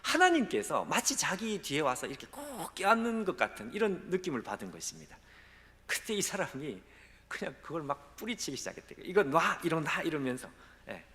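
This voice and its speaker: A man as a guest pastor preaching a sermon, telling a dramatic story and acting out the quoted voices, at times dropping to a hush. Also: fairly high pitch, huge pitch swings, fairly quick. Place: church sanctuary. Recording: long hall reverb.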